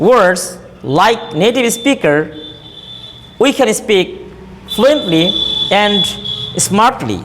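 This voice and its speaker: A man with a Bangladeshi accent teaching a spoken English lesson, slowly repeating example words to contrast how they are pronounced. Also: sits high, fairly bright tone. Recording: long reverb.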